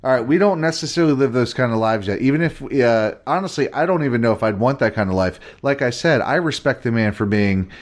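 A man's voice: mid-range voice, lively intonation, fast, few pauses. A man co-hosting a podcast with a Virginian accent, blunt and casual, swearing now and then and asking questions. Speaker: podcast co-host. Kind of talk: casual chat.

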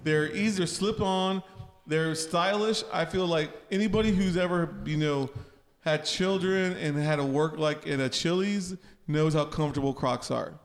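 A man co-hosting a casual podcast, playful and quick to defend his picks. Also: fairly high pitch, in a large hall. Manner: playful, defensive, announces news. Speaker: podcast co-host. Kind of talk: casual banter.

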